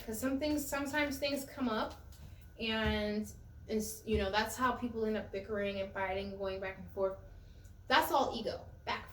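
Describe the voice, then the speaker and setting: A woman gives a relaxed tarot reading to her viewers, talking in a loose, conversational way that circles back over her own phrases. Her voice sits a little off from the mic in a roomy, echoey space, with a faint hum underneath. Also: a little high, recorded from a distance. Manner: conversational, repeats and restarts phrases. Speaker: tarot reader. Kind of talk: casual spiritual tarot reading.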